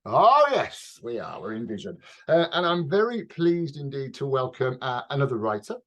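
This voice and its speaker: A man's voice: medium pitch, sing-song, moderate pace, a bit bright. A man hosting a radio interview, chatty and jokey, with theatrical asides. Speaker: radio host.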